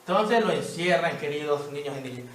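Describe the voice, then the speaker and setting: A man with an Ecuadorian Spanish accent teaching young children to read, speaking slowly and patiently and sounding out words. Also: a little high, expressive, far from the mic. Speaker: primary school teacher. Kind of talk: online reading lesson for young children. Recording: echoey room, voice a little off-mic.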